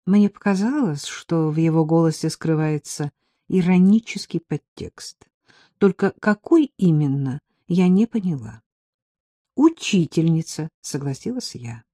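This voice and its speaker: A woman narrates a first-person audiobook in a low, mellow voice. Her reading rises and falls with plenty of lively inflection. The recording is close and dry. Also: measured pace, no room sound.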